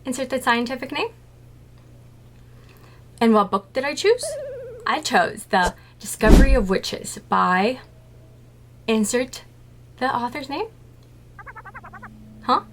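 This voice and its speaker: Her voice a little high and animated, a tarantula keeper talks slowly to her camera, pausing often. The casual, scripted chat is playful, full of questions she puts to herself and then answers, with slight noise in the background.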